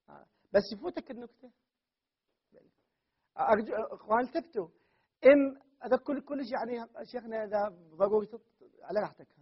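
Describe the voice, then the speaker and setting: A man teaches a grammar class in a very high, husky voice. He chants word forms one after another and keeps asking his students whether they follow. The recording is dull and lo-fi. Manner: drills word forms aloud, often checks with students.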